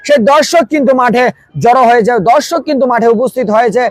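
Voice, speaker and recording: A man's voice: very high voice, fast talker, no room sound. A man with a Bangladeshi accent hosting a live football stream, commentating for online viewers and stretching words as attacks build.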